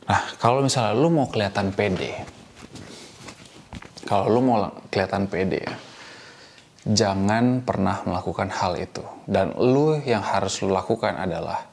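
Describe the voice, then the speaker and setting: A man's voice: fairly low pitch, normal speed, pauses often, breathy edge. A young man giving direct, coaching advice in a casual talk, slipping in English phrases.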